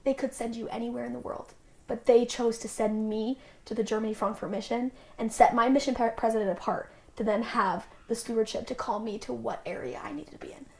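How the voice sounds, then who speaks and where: A woman's voice: fairly high pitch, steady tone, fairly quick, creaky, darkish tone. Chatty young woman podcast guest. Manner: chatty, acts out quoted dialogue; frequent filler "like". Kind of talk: casual podcast storytelling.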